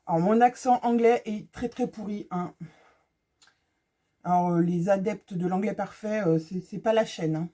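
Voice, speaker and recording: A woman's voice: mid-range voice, mellow, slightly rough. A woman chatting casually to her viewers in a sewing fabric haul vlog, joking as she shows each fabric, recorded on her phone. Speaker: sewing vlogger. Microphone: phone camera.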